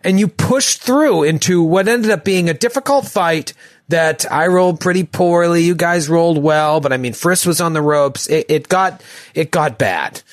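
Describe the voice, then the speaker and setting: A man chatting and then narrating a tabletop game as game master, with a lively, dry delivery. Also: on the high side, normal speed, no room sound. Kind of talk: casual chat and game narration.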